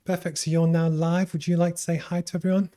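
Fast-talking Scouse host with a mellow voice. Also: male voice, on the high side, flat delivery. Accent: light Scouse. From Liverpool, England. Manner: rambling, uses many fillers. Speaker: interview host. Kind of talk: live-streamed business interview.

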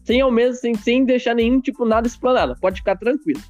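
A man's voice: extremely high pitch, quick pace, a little mellow, faint music behind. A man hosting a casual podcast, playfully explaining a segment to a guest. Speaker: podcast host.

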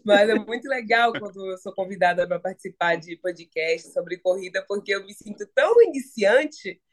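Lively Bahian woman, podcast guest. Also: medium pitch, moderate pace. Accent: Bahian Brazilian Portuguese. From Salvador, Bahia, Brazil. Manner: lively, laughing, playful. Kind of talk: casual podcast chat.

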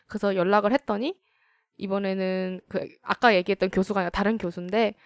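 A woman's voice: mid-range voice, fairly even intonation, a little fast, clear, resonant tone, dry recording, studio quality. A woman from South Korea hosting a casual group discussion, self-deprecating and sometimes searching for words. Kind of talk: casual panel chat.

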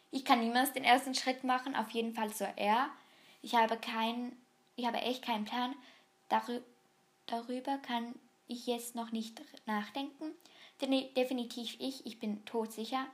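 A woman casually reading quiz questions aloud and answering them, thinking out loud with many fillers and restarts, and skimming longer text. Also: fairly high pitch. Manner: reads text aloud, skims with bla bla. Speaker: vlogger taking an online quiz.

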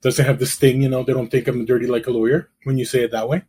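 A middle-aged man from El Salvador, a realtor who is a guest on an interview, telling his story in a relaxed way with dry, self-deprecating humor. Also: medium pitch, fast talker, breathy edge.

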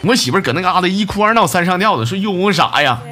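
A man's voice: sits high, lively intonation, quick pace, over music. A man hosting a comedy show, reading listener messages aloud and joking with laughs at his own punchlines. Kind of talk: comic radio-style monologue.

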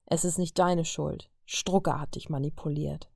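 A woman voicing a calm, reassuring male leader in an audiobook reading, speaking steadily and comfortingly. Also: deep voice, normal speed, creaky, husky, no echo, clean studio sound, exaggerated voice.

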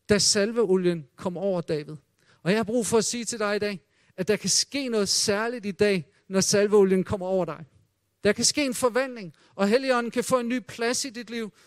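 A male preacher giving a sermon, retelling scripture dramatically and dropping to a hush for quoted voices. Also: sits high, no room sound.

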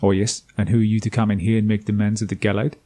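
A man's voice: on the low side, flat delivery, fast talker, warm tone, natural voice. A man voicing a cocky male gang member in a put-on South African accent, speaking in a wry, bargaining way. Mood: challenging. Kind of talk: game master voicing a character.

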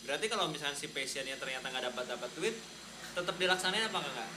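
A man's voice: on the high side, animated, quick pace, noisy background. A young man in a casual podcast chat, asking questions and tossing in dry quips.

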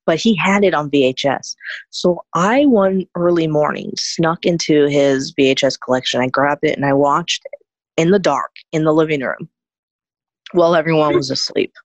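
A woman's voice: low voice, moderate pace, no room sound. Gushing woman in casual interview chat, dry close sound. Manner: gushing, effusive about films. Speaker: podcast guest, horror hostess.

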